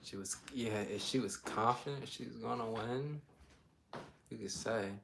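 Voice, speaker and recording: A man's voice: medium pitch, a little slow, creaky, fairly bright tone, slight background noise. A young adult man with an American accent, chatting casually as co-host of a live political commentary stream. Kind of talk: casual chat.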